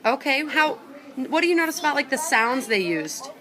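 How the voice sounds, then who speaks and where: A woman's voice: sits high, sing-song, normal speed, echoey room, a crowd in the background. A woman teaching young children in an encouraging kindergarten-teacher manner, asking questions and repeating their answers back to them. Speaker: early grade teacher leading class discussion. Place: classroom with children. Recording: noisy classroom, picked up from far off.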